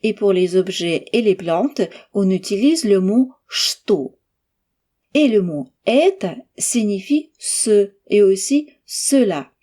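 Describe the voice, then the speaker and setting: Slow, mellow-voiced woman teaching a language. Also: medium pitch, lively intonation. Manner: deliberate, carefully articulated examples for repeating. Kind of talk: slow, clear language lesson.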